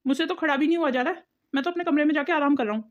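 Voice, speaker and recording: Cheerful young husband voiced by a woman, respectful, quick, lo-fi. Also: sits high, natural voice.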